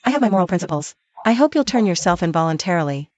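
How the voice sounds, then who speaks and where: A woman's voice: fairly low pitch, sing-song, fast talker, a little mellow. A woman acting a principled, guarded young mother in a screen drama, speaking with restraint. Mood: firm, cold. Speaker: female lead in a drama.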